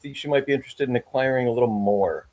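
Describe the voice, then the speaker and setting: A man voicing a smooth-talking, scheming male gnome with a sly, hesitant delivery in a tabletop game. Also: medium pitch, quick pace, a little mellow, natural voice, poor audio.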